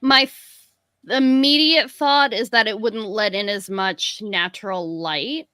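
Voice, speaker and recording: A woman's voice: mid-range voice, slow pace, sharp tone, smooth, dry recording, studio quality. A woman born in New York and raised in the Tampa area, co-hosting a casual baseball chat and explaining things with many "you know" and "like" fillers. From born in New York City, raised in the Tampa area. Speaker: podcast co-host.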